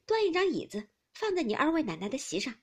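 A woman's voice: high-pitched, big pitch swings, fast talker, voice pushed up. A woman reading a cheerful noble mistress. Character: noble middle-aged mistress, cheerful and reassuring. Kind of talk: audiobook character reading.

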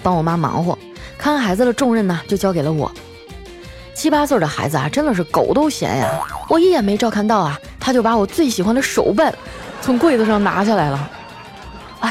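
A woman tells funny stories in a chatty style, drawing out the particles at the ends of phrases. Her pitch rises and falls in a lively, sing-song way, and music plays clearly behind her. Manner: chatty, drawn-out sentence-final particles. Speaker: streaming host. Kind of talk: comic storytelling monologue. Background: background music.

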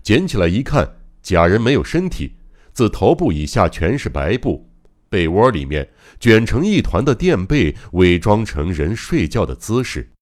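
A man's voice: lowish voice, very animated, moderate pace. A man narrating a mystery novel as an audiobook, in a dramatic, suspenseful reading. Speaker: audiobook reader.

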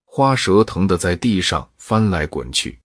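A man narrating a folk tale in a steady, even storytelling manner. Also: low voice, unhurried, breathy edge, dry recording, studio quality.

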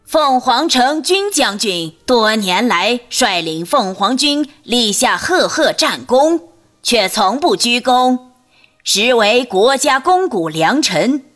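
A woman voicing an older male palace eunuch who reads a decree in a thin, shrill voice, slow and ceremonial. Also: sing-song, fairly bright tone, soft background music, exaggerated voice. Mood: proclaiming. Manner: slow, drawn-out, ceremonial proclaiming.

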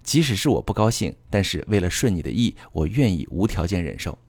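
Speaking directly to listeners, a low-voiced man earnestly explains and gives relationship advice in a monologue, his pitch swinging widely. He talks a little fast, with a slightly mellow yet slightly rough voice. The close, dry recording has no room sound.

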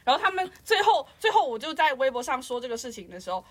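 A woman's voice: sits high, very animated, quick pace. A woman in casual chat, ranting and slipping in English phrases. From lives in Shanghai.

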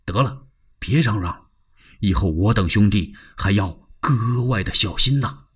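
A man doing a careful, anxious eldest brother in a storyteller's tale, forever hushing and smoothing things over. His voice is low and a little husky, with lively rises and falls. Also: a little slow. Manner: hushed, placating, urgent. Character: cautious, worried elder sworn brother, soothing.

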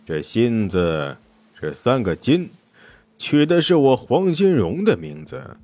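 A man's voice: medium pitch, big pitch swings, takes it slowly, a little mellow, exaggerated voice. A man voicing an arrogant middle-aged male gang boss who talks in a sneering, scornful way, in an audio story. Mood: mocking.

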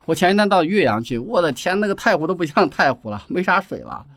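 A man from Shaanxi, a guest writer on a podcast, talking in a lively, chatty way and often laughing. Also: high voice, fast, no room sound, clean studio sound. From Ankang, Shaanxi, China. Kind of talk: conversational podcast interview.

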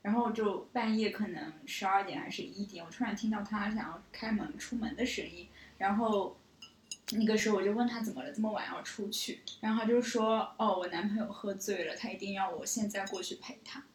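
A woman's voice: medium pitch, brisk, slight background noise. Chatty young woman co-host, echoey room. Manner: chatty, breaks off and restarts. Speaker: podcast co-host. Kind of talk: casual podcast chat.

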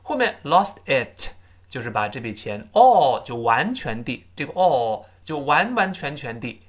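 A man teaching a spoken English lesson. He explains points, then reads English phrases aloud slowly and repeats them to drill pronunciation. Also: mid-range voice, big pitch swings. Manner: switches between explaining and reading aloud.

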